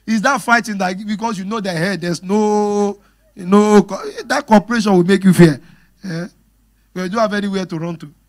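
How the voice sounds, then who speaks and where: A middle-aged man with a Nigerian English accent preaching a sermon on marriage. His voice sits a little high for a man. He is lively and laughs readily as he speaks directly to his congregation. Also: moderate pace. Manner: animated, laughing, talks straight to the congregation. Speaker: pastor.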